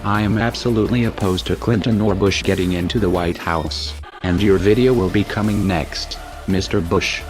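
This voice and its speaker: A man speaking through a disguised deep voice, reading a cold, measured, menacing scripted statement. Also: steady tone, over music.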